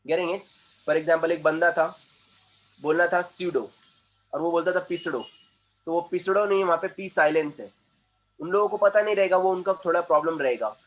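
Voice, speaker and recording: Animated male communication trainer. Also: on the high side. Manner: explanatory, repeats points, asks the class questions. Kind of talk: classroom lecture.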